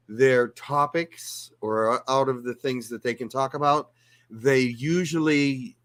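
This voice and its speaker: A man being interviewed as a guest, answering questions in a calm, explanatory way. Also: mid-range voice. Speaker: guest channeler.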